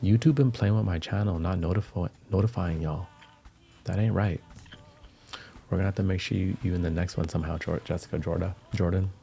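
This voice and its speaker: Male stream host, very deep and gravelly, relaxed and slangy. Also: a little fast. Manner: laid-back, slangy, chatty. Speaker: livestream music host. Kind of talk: casual livestream chat over music. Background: music playing.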